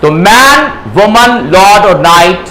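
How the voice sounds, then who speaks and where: Slow-spoken teacher in an echoey classroom. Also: male voice, sits high, lively intonation, bright, forceful tone. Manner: spells words letter by letter, calls students beta. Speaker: English grammar teacher. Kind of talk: classroom grammar lecture. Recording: echoey classroom, faint background noise.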